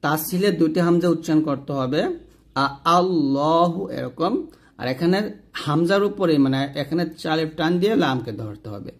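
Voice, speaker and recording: A man teaching Quran recitation rules, explaining from a book and slowly chanting the example words. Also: on the high side, expressive, darkish tone. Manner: points at the page while explaining.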